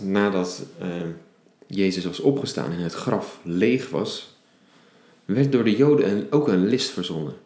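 A man reading a Bible passage aloud and then explaining it in a relaxed, reflective way, with the odd filler. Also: lowish voice. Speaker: Bible teacher. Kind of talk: Bible reading with devotional commentary. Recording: roomy echo.

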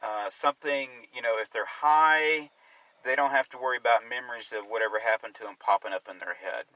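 A man who works in drug and alcohol counseling talks casually, thinking aloud and sometimes turning sarcastic. His voice is bright and forceful. He sits a little away from the microphone in a dry room. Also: mid-range voice, brisk, dry recording, distant mic, poor audio. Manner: conversational, sarcastic at times, searching for words. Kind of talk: casual discussion.

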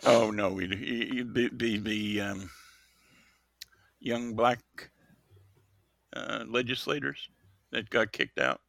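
A hoarse man co-hosting a casual podcast, cracking sarcastic deadpan jokes. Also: lowish voice, slow pace, long pauses, dry recording, clean studio sound. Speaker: podcast co-host. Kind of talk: casual chat.

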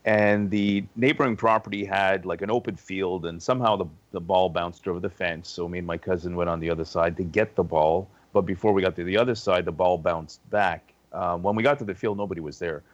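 Male interview guest, deep voice, hesitant casual recollection, lo-fi sound. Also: fairly even intonation, a little fast, few pauses, no echo. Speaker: interview guest, paranormal investigator.

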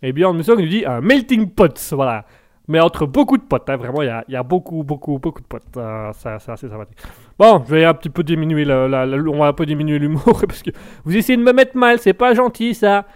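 A man's voice: a little high, lively intonation, brisk, clear, resonant tone. A man hosting a live stream, reading out viewer messages in a jokey, rambling way with many restarts.

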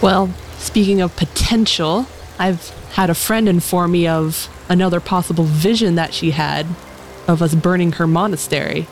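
A woman's voice: on the low side, moderate pace, close to an everyday voice. A woman playing a good-hearted, defiant female adventurer in a tabletop game, speaking in an earnest, questioning and emphatic way. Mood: defiant, indignant. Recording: faint rain noise behind.

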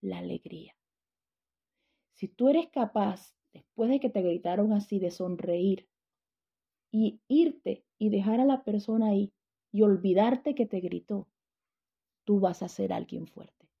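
Gravelly-voiced woman teaching a Bible lesson. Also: mid-range voice, measured pace, long pauses, dull audio. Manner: questioning the class, storytelling.

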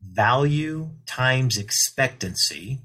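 A man as a guest expert on a radio talk show, explaining leadership in a measured way and slowing down to stress key terms. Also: mid-range voice, animated, bright, forceful tone.

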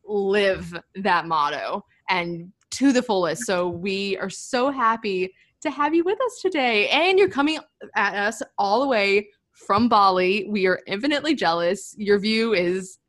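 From her apartment office, a young podcast co-host chats in a casual, upbeat way peppered with "like." Her mid-range voice is fairly bright with lively intonation, and she takes an unhurried pace.

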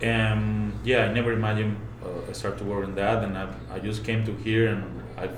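A man with a Venezuelan Spanish accent and a lowish voice, speaking English as a second language. He answers interview questions about brewing haltingly, searching for words. The room is echoey and there is background noise. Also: flat delivery. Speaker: brewer. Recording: roomy sound with background noise.

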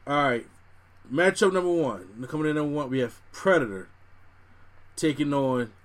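Higher-pitched man hosting a casual debate. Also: lively intonation, moderate pace. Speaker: host of a bracket debate show. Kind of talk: casual banter among friends, announcing matchups.

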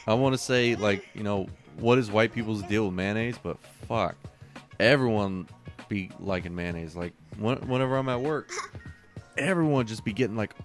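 A man in his late twenties chatting casually, rambling with lots of filler words. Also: on the low side. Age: late 20s. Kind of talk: casual chat.

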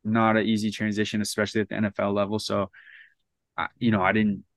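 A man's voice: lowish voice, monotone, fast talker, a bit bright, no echo. A man in his thirties, a podcast guest, telling his story in a casual, rambling way with lots of restarts. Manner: rambling, many restarts and "like" fillers.

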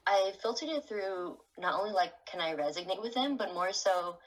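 A woman's voice: medium pitch, lively intonation, normal speed, rough recording. A woman being interviewed about her experiences, chatting casually with many "like"s and "um"s. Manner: chatty, lots of "like" and "um", with restarts. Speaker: interview guest.

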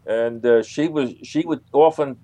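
As an interview guest, a man casually tells anecdotes, halting and hesitant with long pauses. His voice is medium in pitch and mellow.

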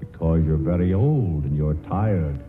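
An actor playing Death as a calm, mysterious gentleman caller in a 1940s radio drama, tinny old broadcast with music behind. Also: low-pitched. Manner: calm, measured, quietly ominous.

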